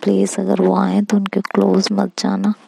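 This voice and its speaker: A woman voicing a young woman friend who teases, prods and pleads, in a husky, mellow voice. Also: medium pitch, completely flat delivery, normal speed. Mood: coaxing. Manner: coaxing, prodding questions.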